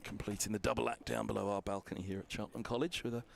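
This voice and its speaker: A man with a lowish, gravelly voice commentating on cricket from a balcony box. He is chatty and analytical, working through scores aloud with plenty of fillers. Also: level tone, rapid-fire.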